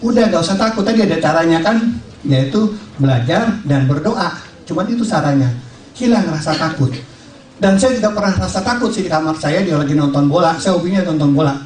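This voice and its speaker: A high-pitched man gives a lively training talk to a room of salespeople, joking and firing questions at them. He sounds far from the mic, in an echoey room. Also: brisk, a little hiss or hum. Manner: jokey, asks the audience questions, acts out scenes.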